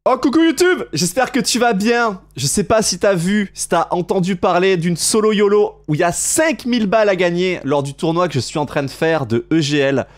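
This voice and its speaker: A young man streamer commentating a tournament live, hyped and slangy, cheering and shouting at the big moments, heard through a gaming headset. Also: high voice, normal speed, hardly any pauses.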